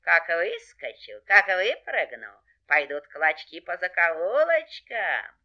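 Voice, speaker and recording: A boastful, threatening fox snarls her warning slowly and deliberately, as a woman storyteller puts her on, each word stretched out. It is a storybook villain's voice, sly and full of bluster. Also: lowish voice, very animated, highs cut off. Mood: menacing. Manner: slow, menacing, drawn out. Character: boastful, threatening vixen squatter.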